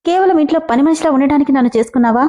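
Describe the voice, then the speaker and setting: A woman voicing a betrayed young wife who accuses her husband in fast, pleading bursts. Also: high voice, mellow, voice pushed up, close to an everyday voice. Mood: accusing.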